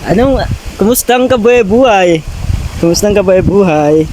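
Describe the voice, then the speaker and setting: A man's voice: sits high, expressive, normal speed, a little mellow, a little hiss or hum, rough recording. A man performing a comedy skit, teasing his partner and repeating his words for laughs.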